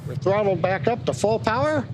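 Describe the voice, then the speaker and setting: A man's voice: high-pitched, animated, normal speed. A man hosting a launch webcast with explanatory, matter-of-fact technical commentary. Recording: faint background noise.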